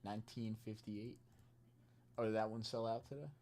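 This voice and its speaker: Low-pitched man hosting a card-break stream. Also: fairly even intonation, moderate pace, a little mellow. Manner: off-the-cuff, chatting with viewers between spot counts. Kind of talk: casual live-stream sales chat, hyping card breaks.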